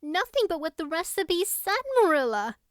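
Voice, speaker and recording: A woman's voice: very high-pitched, sing-song, normal speed, dry recording, clean studio sound, pitched above the performer's own voice. A woman voicing a melodramatic, anguished, talkative young girl in a storybook, with a wailing, overwrought manner.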